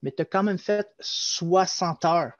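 On a headset in a small room at home, an animated young Québécois man talks slowly in a high-sitting voice with no room sound. The former loss-prevention agent is a guest in a casual video-call interview, explaining things and gesturing as he speaks. The audio is dull and lo-fi.

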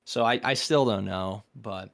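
A man's voice: fairly low pitch, unhurried, creaky. A young man in college chatting casually and earnestly, rambling with fillers. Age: young adult. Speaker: college student guest. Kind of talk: casual podcast panel chat.

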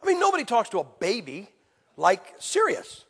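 A man preaching a sermon, telling stories with acted quotes and swinging from loud to hushed. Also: high-pitched, wildly swooping pitch, normal speed, breathy edge. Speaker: evangelist preacher. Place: church. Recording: hall reverb.

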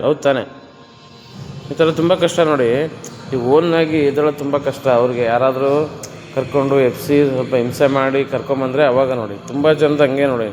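A man's voice: medium pitch, darkish tone. A man coaching a client through a gym workout, counting reps and coaxing her on. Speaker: gym trainer. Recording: echoey room with music behind.

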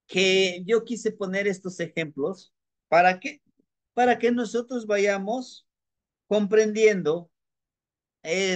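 The recording is dry as a language teacher with a voice on the high side leads an online class. Patient and repetitive, he often checks in with his listeners using "¿no?".

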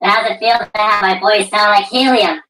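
A man talking through a helium pitch-shift filter, joking about how squeaky he sounds. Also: steady tone, moderate pace, pushed and bright, reverberant, far from the mic, poor audio. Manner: joking, playful.

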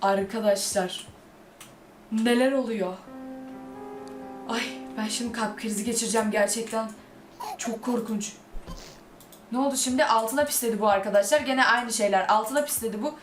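Casting: high-voiced woman gamer, casual commentary, yelps when scared, game music loud behind. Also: moderate pace, long pauses, reverberant. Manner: jumpy, exclaims and shrieks when scared. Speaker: gaming YouTuber. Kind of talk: casual let's-play commentary.

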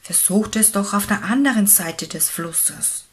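A woman voicing a friendly rabbit father in a children's storybook, calling out loudly. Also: fairly low pitch, lively intonation, takes it slowly, slightly rough, exaggerated voice.

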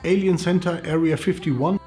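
Speaking from an indoor living room, this travel-channel host, a man in his forties, presents scripted narration to the camera. His pitch is a little high, his pace moderate, and his tone warm, while music plays in the background.

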